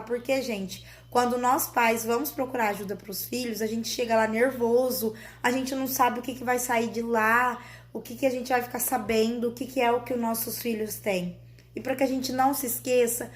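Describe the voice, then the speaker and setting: Earnest mother, higher voice. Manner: earnest, explanatory, often calls out to her viewers. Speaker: mother sharing her child's story. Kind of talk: casual vlog storytelling to viewers.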